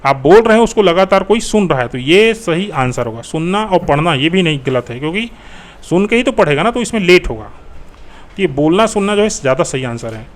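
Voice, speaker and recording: A man's voice: on the high side, very animated, brisk. A male teacher walking through exam answers in a conversational, think-aloud way.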